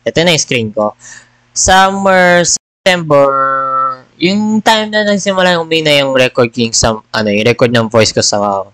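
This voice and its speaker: A man talks casually as a gaming vlogger, rambling from point to point and slipping English phrases into his speech. His voice sits at an ordinary middle pitch. It comes through a headset mic with a dry, close sound and no room echo. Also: lively intonation, brisk, hardly any pauses, a bit bright. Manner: rambling, mixes Tagalog and English. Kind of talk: casual chat.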